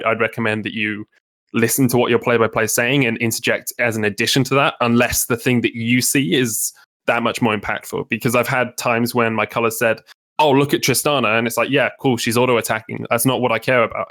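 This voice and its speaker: A man's voice: medium pitch, flat delivery, fairly quick, a bit bright. A man, a guest esports caster, talking casually at length in a podcast interview, often restarting his sentences. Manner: chatty, explains at length with many restarts.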